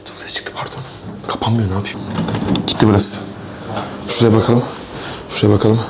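A young man vlogging as he explores a dark store, talking in a low, playful hush to the camera. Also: flat delivery, brisk, noisy background. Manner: low hushed narration, playful. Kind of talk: hushed exploring vlog.

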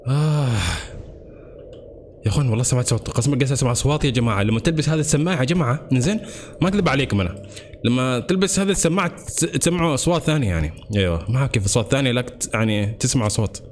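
A man hosting a horror game playthrough, jumpy and excitable with nervous outbursts. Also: mid-range voice, very fast, a little hiss or hum. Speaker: gaming channel host.

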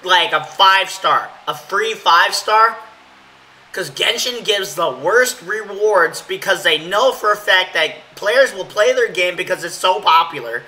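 A man with a hoarse voice giving casual, rambling, opinionated gaming commentary as channel host. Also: high voice, expressive, a little slow, bright, forceful tone, low-quality recording. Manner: rambling, filler-heavy, opinionated. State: hoarse from yelling.

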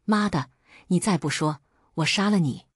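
A woman voicing an anxious, hot-tempered young husband, lowering her voice and flaring into bursts of anger. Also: normal speed, slightly rough, no room sound, studio quality. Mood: furious. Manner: deep, brooding, bursts of fury. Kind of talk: storytelling voice acting.

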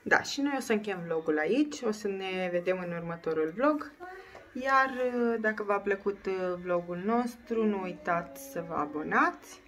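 A woman filming a casual home vlog, talking to her toddler in coaxing, doting baby talk and signing off softly. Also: expressive. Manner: soft, low-key sign-off. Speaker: family vlogger.

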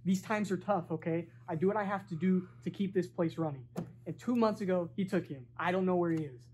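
A young man plays a weary, defensive orphanage director in a homemade film, his voice high for a man as he explains himself at length. It is caught by a camera mic in an indoor hall, with faint noise behind. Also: a little fast, darkish tone, close to an everyday voice. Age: young adult. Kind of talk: amateur fan film acting.

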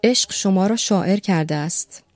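A woman reading an audiobook, voicing a calm, measured male doctor in her own dry voice. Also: mid-range voice, no echo, soft background music, natural voice.

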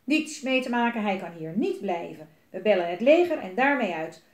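A woman's voice: medium pitch, sing-song, normal speed, natural voice. Pompous, grumbling father, read by a woman; roomy sound. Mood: cross. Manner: stammering, cross, self-pitying. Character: stammering self-important father, a councillor. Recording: roomy echo.

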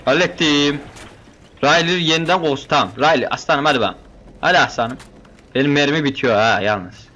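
Excitable young man commenting on gameplay. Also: on the high side, moderate pace, highs cut off. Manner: excitable, joking, banters with game characters.

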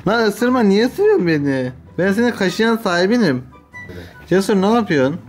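A man's voice: high-pitched, sing-song, moderate pace, faint music behind. A man casually chatting in a home vlog, playful and laughing as he teases and scolds a biting puppy. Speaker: vlogger playing with his new puppy. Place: at home indoors.

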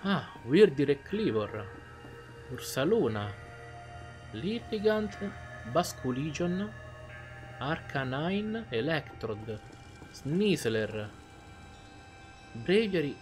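A man gives casual gameplay commentary as the host of a gaming video. His voice is of average pitch, and game music plays clearly behind it. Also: big pitch swings, drawn-out words, long pauses, a little mellow.

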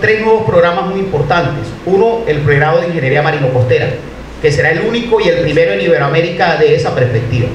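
High-voiced Colombian Caribbean man in echoey hall. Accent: Colombian Caribbean Spanish. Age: middle-aged. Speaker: university official giving a speech. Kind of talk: public speech at a formal event. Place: indoor hall, at a podium. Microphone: podium microphones, heard from a distant camera. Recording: echoey hall, distant mic, faint noise.

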